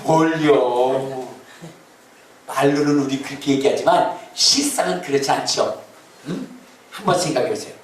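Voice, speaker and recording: A man preaching a lively Sunday sermon as pastor, teasing the congregation with questions and acting out mock voices. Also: on the high side, brisk, a little hiss or hum. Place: church sanctuary. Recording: echoey church hall, mic at a distance.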